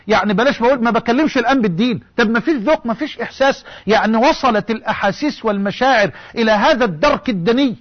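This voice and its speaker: A man's voice: very high voice, muffled recording. A man with an Egyptian accent preaching a sermon, impassioned and rhetorical, moving between classical and colloquial speech. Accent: Egyptian Arabic.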